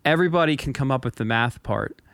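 A man's voice: medium pitch, fast talker, a bit bright, no room sound. A man co-hosting a casual podcast, telling a rambling story with frequent restarts and stutters. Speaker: podcast co-host and drummer. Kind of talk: casual chat.

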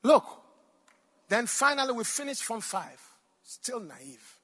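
A middle-aged Ghanaian man, a pastor, preaching a storytelling sermon that swings between hushed moments and loud outbursts as he speaks to the congregation. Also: extremely high pitch, slow, slightly rough. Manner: animated, swings from hushed to shouting, addresses the audience directly.

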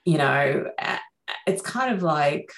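A middle-aged woman with a notably low voice talks through a relaxed interview as a surgeon guest. Born in Sri Lanka, she speaks in a chatty, reflective way, often pausing on fillers. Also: gravelly, rough recording.

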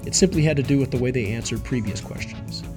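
A man hosting an interview podcast, his voice gravelly and squeaky from a bad head cold. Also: racing, over music. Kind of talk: prepared podcast introduction and interview questions.

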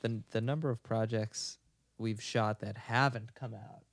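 A young man co-hosting a podcast in casual chat, laughing often and talking in an animated way. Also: fairly low pitch, unhurried, vocal fry, no room sound, clean studio sound. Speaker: podcast co-host.

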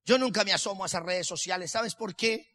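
A man gives a motivational speech in a high, bright voice. He tells stories with lively energy, acts out the lines of the people in them and keeps asking his audience rhetorical questions. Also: fairly quick. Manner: animated storytelling, acts out quoted voices. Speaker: motivational speaker.

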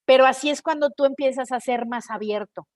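Expressive Mexican woman, close dry mic. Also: high voice, a little fast, dry recording. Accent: Mexican Spanish. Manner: expressive, animated storytelling with quoted inner voices. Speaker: podcast host. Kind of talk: casual personal monologue.

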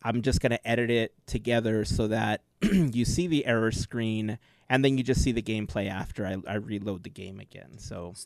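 A man's voice: fairly low pitch, normal speed, gravelly, hardly any pauses, darkish tone, no room sound. Man explaining at length in a dry recording. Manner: earnest, explanatory, talks through his thinking at length. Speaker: podcast co-host and gameplay video creator. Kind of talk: casual podcast chat.

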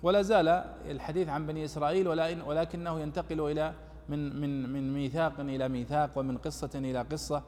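Fast-talking man teaching in echoey hall. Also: on the high side, fairly even intonation, darkish tone, a little hiss or hum. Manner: explanatory, addresses students directly. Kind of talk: Quranic commentary lesson. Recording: echoey hall with long reverb.

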